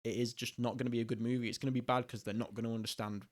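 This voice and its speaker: A man's voice: mid-range voice, flat delivery, very fast. A young man hosting a podcast, chatting casually, laughing often and rambling through asides. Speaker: podcast host.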